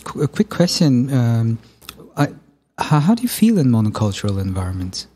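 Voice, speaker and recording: A man's voice: mid-range voice, sing-song, normal speed, dark tone. A man hosting a podcast interview, encouraging his guest with short affirmations. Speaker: podcast host. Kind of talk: casual interview.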